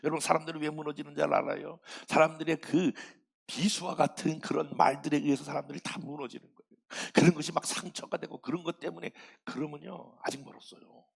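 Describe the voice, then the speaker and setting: 60대 남자 목사가 교회 예배당에서 농담을 섞어 가며 회중에게 직접 말을 건네듯 설교한다. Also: male voice, on the high side, level tone, fairly quick, vocal fry, slightly rough. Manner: folksy, joking, talks straight to the congregation. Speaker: pastor. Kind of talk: sermon. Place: church sanctuary.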